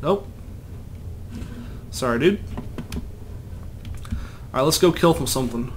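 A man's voice: mid-range voice, lively intonation, slow. A young man casually commenting as he plays a video game, chatty and rambling, with faint noise behind him. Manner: chatty, rambling, self-deprecating. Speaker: let's play gamer.

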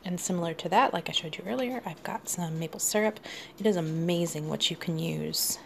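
A woman's voice: on the low side, brisk, gravelly. A woman in her thirties chatting casually in her home kitchen, showing pantry staples with plenty of ums and easy laughs. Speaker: food vlogger. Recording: noisy home recording.

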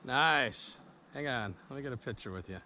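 This clip is a relaxed outdoor vlog in which a middle-aged man coaches and encourages a boy while they fish from a small river boat. He speaks at medium pitch and a moderate pace, with a sharp tone. An action camera mounted on the boat records him, picking up faint outdoor noise.

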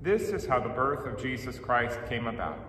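Middle-aged priest in a cathedral-like echo. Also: male voice, mid-range voice, very animated, fairly bright tone. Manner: measured, solemn delivery with cathedral-like echo. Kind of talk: liturgical chant, gospel reading and homily. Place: indoors in a church. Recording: echoey church hall, distant, noisy background.

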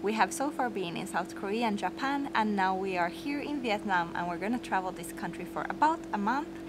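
Speaking fairly quickly in an expressive mid-range voice, this bubbly travel vlogger from Finland talks to a camera at arm's length, dropping "like" constantly. The setting shifts from an outdoor rooftop terrace to a busy street, with traffic and street sounds in the background.

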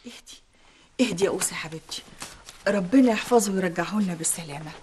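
A woman's voice: on the low side, a little hiss or hum, natural voice. A woman playing a soothing Egyptian doctor. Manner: gentle, reassuring, quick. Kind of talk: TV drama acting.

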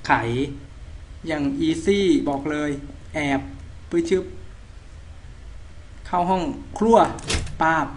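A man's voice: high voice, noisy background. A man giving casual, chatty commentary as he plays a horror game, polite and talking half to himself. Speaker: let's-play gamer.

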